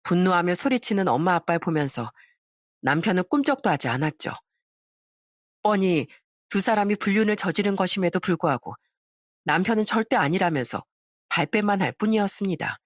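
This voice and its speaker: A woman's voice: fairly low pitch, expressive, brisk, no room sound. Woman reading out a drama story, close mic, dead dry sound. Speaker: narrator. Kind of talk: scripted story narration.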